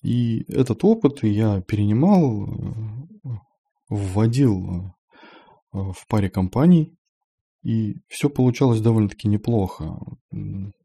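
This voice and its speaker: A man's voice: on the low side, dark tone, husky. A man, an IT developer, talking through his work experience in a plain-spoken monologue, thinking aloud. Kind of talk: casual monologue.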